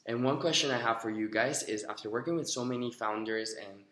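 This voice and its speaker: A man's voice: medium pitch, fairly quick, a bit bright, reverberant. A young man from Rica, giving earnest, rehearsed answers in a recorded video interview, with a few fillers. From Costa Rica. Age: young adult. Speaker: job applicant. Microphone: recorded himself on video.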